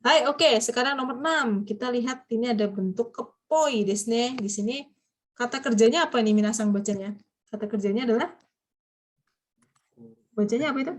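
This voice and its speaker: A woman with a fairly high voice leads a grammar lesson. She explains each point patiently, and she quizzes her students with drawn-out, sing-song prompts. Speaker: Japanese grammar teacher. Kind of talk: live class lesson.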